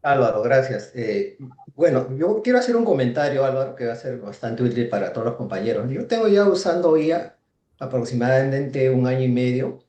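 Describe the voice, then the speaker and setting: A man working as a consultant, giving a measured, explanatory comment in a workshop and listing points with tag questions. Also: medium pitch, very animated, mellow, reverberant, highs cut off.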